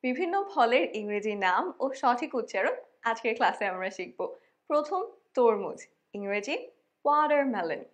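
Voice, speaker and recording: Clear-voiced woman teaching vocabulary. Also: a little high, lively intonation, normal speed. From Bangladesh. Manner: clear, drilling pronunciation with repetitions. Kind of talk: scripted lesson narration.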